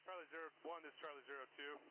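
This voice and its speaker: A man's voice: on the high side, steady tone, very fast. A man calling in over a two-way military radio, trading call signs and reports in clipped radio procedure. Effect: two-way military radio transmission. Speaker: soldier on radio net. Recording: noisy distant radio transmission.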